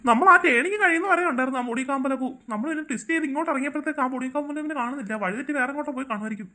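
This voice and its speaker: Woman as a fussy chatty lady in a kids drama, highish voice, quick talker. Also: sharp tone. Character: grown woman companion, fussy about her hair. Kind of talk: Malayalam kids' fan drama.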